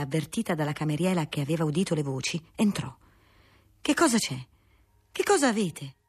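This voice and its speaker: A woman narrating a classic novel in a measured, steady reading voice, husky in tone. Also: on the low side.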